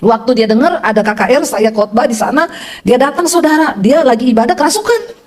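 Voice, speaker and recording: A woman pastor preaching a sermon, telling stories in a lively way and calling out to the congregation. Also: sits high, fast talker. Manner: lively storytelling, addresses listeners as brothers and sisters.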